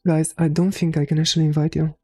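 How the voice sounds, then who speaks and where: A young woman streaming a game, chatting casually with her viewers, her voice a little hoarse from talking, swearing freely. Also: sits low, flat delivery, fast talker, mellow, no room sound, soft background music. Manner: laid-back, swears freely, answers chat. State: slightly hoarse. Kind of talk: casual live-stream chat.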